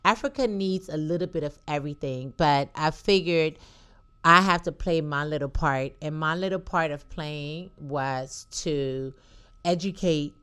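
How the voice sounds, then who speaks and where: Low-voiced woman from Liberia, smooth tone. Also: measured pace. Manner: warm storytelling, laughs easily. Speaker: guest entrepreneur. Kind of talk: casual interview chat.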